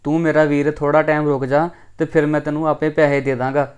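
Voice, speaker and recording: A man's voice: a little high, flat delivery, quick pace, a little mellow, clear, resonant tone, natural voice. An actor playing an injured, bedridden young man, weary and placating. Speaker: injured son.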